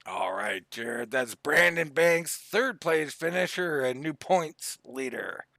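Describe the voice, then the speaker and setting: A man's voice: on the high side, lively intonation, slow pace, bright, forceful tone, no echo. A man interviewing a driver after a sim race as pit reporter, asking casual, chatty questions.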